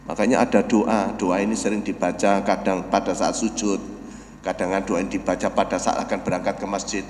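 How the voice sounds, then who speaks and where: A man preaching a dawn sermon in a mosque, often calling his listeners "Pak", rising to loud emphatic peaks, then dropping to soft prayer, and chanting Arabic lines slowly. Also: deep voice, flat delivery, a little hiss or hum. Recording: echoey mosque hall with long reverb.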